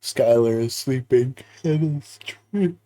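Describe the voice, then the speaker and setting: A man streaming a game, chatting casually in an unhurried, laid-back way. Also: medium pitch, dark tone, no echo. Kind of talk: casual gameplay chat.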